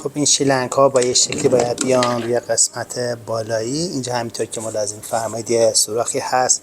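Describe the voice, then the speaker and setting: A man walks through a repair one step at a time, calm and polite in his explaining, his voice in the middle of the usual range for a man. Faint music plays behind him. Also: medium pitch. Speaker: host of a home repair channel.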